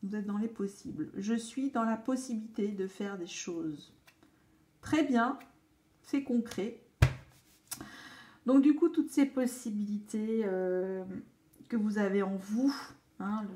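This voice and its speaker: Slow-spoken woman reading tarot. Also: medium pitch. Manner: hesitant, many fillers and restarts, enthusiastic. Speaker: tarot reader.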